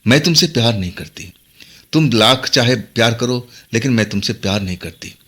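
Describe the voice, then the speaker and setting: A man voicing a frightened young woman who protests and pleads loudly. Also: mid-range voice, expressive, moderate pace, husky.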